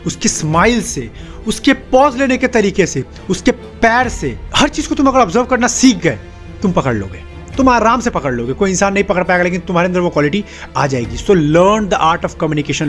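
A young man giving an emphatic motivational monologue to camera, stacking up short repeated phrases. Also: sits high. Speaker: self-help video host.

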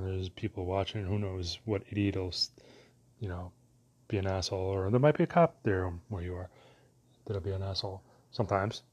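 A man's voice: on the low side, a little mellow. A man talking in a casual rambling monologue, full of fillers and mild cursing, as he daydreams aloud.

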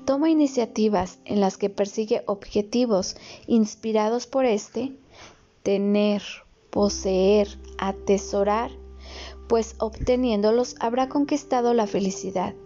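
A woman reading a reflective story aloud in a slow, measured way, with occasional slips and restarts. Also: medium pitch, mellow. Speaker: narrator. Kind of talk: read-aloud reflective narration. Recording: dull lo-fi recording with faint music.

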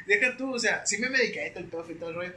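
Young man, Mexican accent, bright tone, slangy animated storytelling, echoey room. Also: high voice, racing. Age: young adult. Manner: slangy, animated, peppers speech with güey. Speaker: guest. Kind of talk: casual storytelling chat. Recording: roomy echo with faint hiss.

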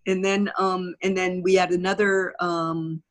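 Speaking in a lowish voice at a measured pace and level tone, a woman tells animated stories as a podcast guest. A theatre producer, she chats casually through the interview and acts out remarks.

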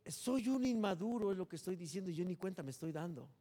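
A man preaching a sermon as pastor, animated and joking, swinging between loud and hushed. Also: sits high, quick pace.

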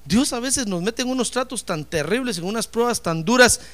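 A man's voice: very high-pitched, animated, a little fast, fairly bright tone. A man preaching a fervent sermon, often addressing listeners as brother and acting out dialogue.

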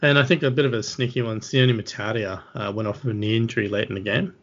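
A man's voice: fairly low pitch, steady tone, quick pace, lo-fi sound. An Australian man hosting a sports podcast, giving casual, conversational commentary in an informal way.

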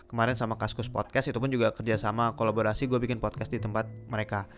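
A young man with Jakarta slang hosting a casual solo podcast, talking fast with many filler sounds. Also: lowish voice, level tone. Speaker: podcast host.

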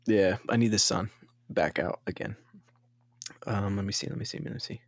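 A man's voice: on the low side, fairly even intonation, normal speed, dry recording. A man hosting a casual podcast chat, joking around and rambling, and tired from a late night. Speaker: podcast host.

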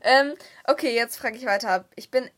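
A young woman speaking, chatting casually and excitably while playing a guessing game, swearing now and then when stuck. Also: a little high, moderate pace. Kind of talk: casual chat.

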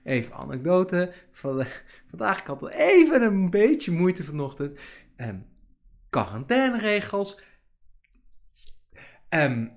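A man, hosting a casual podcast monologue, chatty and rambling with many fillers. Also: medium pitch. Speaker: podcast host.

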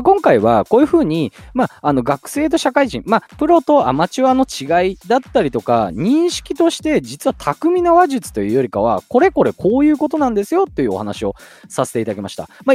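A man's voice: on the high side, a little mellow, dry recording. A man hosting a casual solo audio talk, speaking chattily with many fillers and rhetorical questions to his listeners. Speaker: audio podcast host.

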